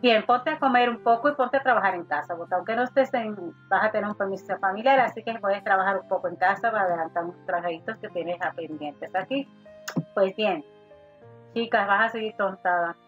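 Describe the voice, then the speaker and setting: Woman gamer, mid-pitched, casual rambling commentary, faint game music behind. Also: fairly quick. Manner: chatty, talks to her sim as "hija", mild swearing. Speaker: gaming youtuber. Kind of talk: casual let's play commentary. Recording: slightly dull audio with faint game music.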